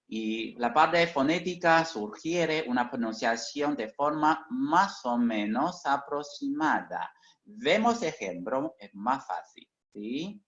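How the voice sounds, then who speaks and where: Very slow halting male lecturer, dull sound. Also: fairly high pitch, a bit bright. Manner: constant tag questions, halting and self-correcting. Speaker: teacher. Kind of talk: online lecture. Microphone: video call.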